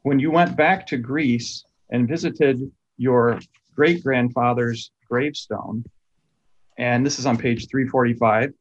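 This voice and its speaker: A man interviewing a guest, asking measured, thoughtful questions. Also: medium pitch, fairly even intonation, breathy edge, highs cut off.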